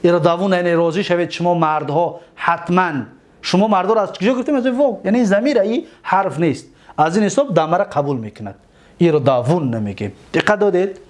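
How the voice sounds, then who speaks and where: Animated high-voiced male grammar teacher. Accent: Tajik. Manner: drills verb forms, spelling out word endings slowly; keeps checking students' attention. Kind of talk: Arabic grammar lesson.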